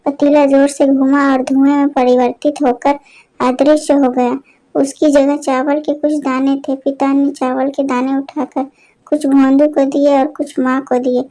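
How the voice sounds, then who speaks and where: A woman narrating a scripted moral storybook tale in a steady reading voice. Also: high-pitched, unhurried, low-quality recording.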